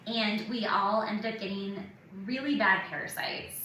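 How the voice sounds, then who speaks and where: A woman in her thirties hosts a casual podcast, sharing candid personal anecdotes with animation and acting out what people said to her. Her voice is medium-pitched and measured in pace. The recording sounds echoey, with a distant mic and faint noise.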